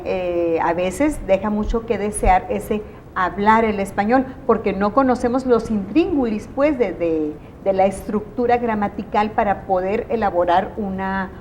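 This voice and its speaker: A woman with a Mexican Spanish accent and a mid-range voice hosts an educational TV interview, posing long leading questions in a conversational way. Slight background noise is present.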